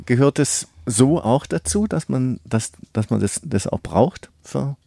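A male interviewer with a mellow, darker tone asks probing follow-up questions. His voice sits at a middle pitch. The recording is dry and close. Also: expressive, unhurried, gravelly, dry recording.

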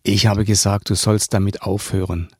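A man's voice: fairly low pitch, flat delivery, normal speed, darkish tone, slightly rough, no room sound, clean studio sound. A man reading aloud and voicing a cold, stern woman who takes a child away and speaks in curt commands.

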